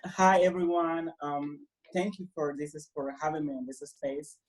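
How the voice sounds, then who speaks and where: A woman's voice: deep voice, a little slow, low-quality recording. A woman with a Honduran accent, an activist guest on a video call, speaking earnestly. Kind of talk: casual video-call discussion.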